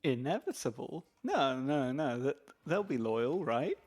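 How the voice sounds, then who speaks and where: A man's voice: mid-range voice, sing-song, measured pace, a little mellow. A man doing a mock Scottish stand-in commentator. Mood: mock-formal. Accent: put-on Scottish. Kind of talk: casual stream chat.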